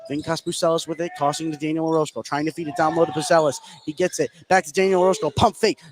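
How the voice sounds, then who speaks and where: Calling a basketball game live on radio from inside the gymnasium, this fairly high-voiced man talks fast with fairly even intonation. His energetic delivery comes in brisk, clipped bursts as the arena's noise carries in the background.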